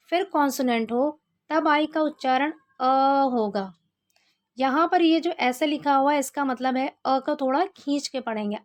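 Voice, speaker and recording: A woman giving a pronunciation lesson, reading example words slowly and repeating each point as a question. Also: sits high. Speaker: English teacher.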